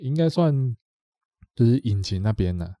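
A man's voice: medium pitch, expressive, normal speed, mellow, no room sound, studio quality. A man with a Taiwanese Mandarin accent telling a rambling story on a podcast, repeating himself and acting out what others said. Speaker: podcast co-host. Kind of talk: casual storytelling chat.

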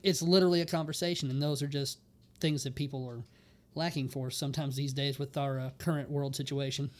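A man's voice: medium pitch, fairly even intonation, a little fast. A man guesting on a podcast, telling stories with enthusiasm in a casual chat. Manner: enthusiastic storyteller, self-described nerd.

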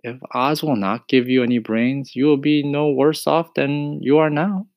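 A man's voice: medium pitch, steady tone, normal speed, no room sound, muffled recording, pitched above the performer's own voice, natural voice. A man voicing a polite, brave young girl in a raised voice. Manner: polite, sometimes surprised.

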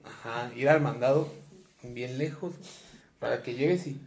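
A man's voice: mid-range voice, unhurried, darkish tone. Young Mexican man, echoey room. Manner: crude joking banter. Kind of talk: casual chat. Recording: roomy echo.

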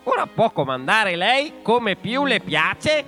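A man doing a shrill cunning fox lady. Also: big pitch swings, takes it slowly, pushed and bright, faint music behind, heavily acted. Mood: sly. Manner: shrill, scolding, theatrical. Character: cunning, bossy female fox, quick-tongued trickster. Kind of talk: bedtime fairy tale voice acting.

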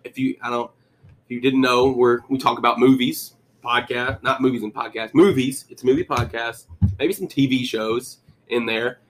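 A man's voice: mid-range voice, fairly even intonation, moderate pace, background noise. A young man co-hosting a casual movie podcast, joking and rambling with frequent restarts. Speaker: podcast co-host.

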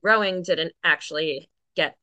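Bright-voiced woman, casual guest. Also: fairly low pitch, a little slow. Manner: chatty, many fillers, explains plainly. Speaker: guest, Paralympic coxswain. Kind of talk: casual podcast conversation.

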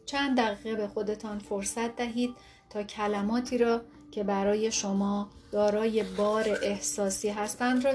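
Woman reading in a flat, even voice. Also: medium pitch. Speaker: audiobook narrator. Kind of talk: reading a self-help audiobook.

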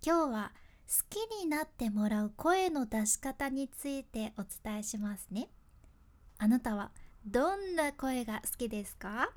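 Female voice coach with a Fukuoka accent, fairly high and very animated, a chatty, casual lesson. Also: measured pace. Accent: Fukuoka dialect. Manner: chatty and expressive, switching between polite and dialect speech. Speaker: voice and speaking coach.

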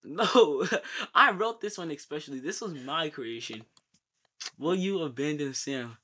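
Young male host, high and bright, teasing and repetitive in casual banter, low quality stream audio. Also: animated, unhurried, a little hiss or hum. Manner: teasing, insistent, repeats himself. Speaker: host asking questions. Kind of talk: casual bantering group chat. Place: online voice call. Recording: low quality, glitchy online call stream.

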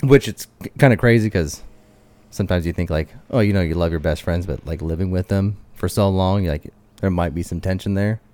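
A man's voice: low-pitched, brisk, warm tone, no room sound. A man in his thirties talking casually and candidly, rambling with lots of fillers. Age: 30s. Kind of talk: casual chat.

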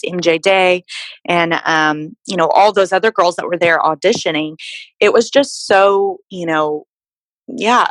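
A woman's voice: lowish voice, no echo, poor audio. A young woman from Texas, a fitness model guest, talking casually with lots of fillers and restarts. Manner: chatty, many fillers and restarts. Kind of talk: casual interview conversation.

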